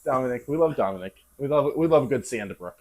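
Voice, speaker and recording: Chatty livestream host, lively voice. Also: medium pitch, fast talker. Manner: chatty, laughing, restarts often. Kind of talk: casual chat reacting to a podcast.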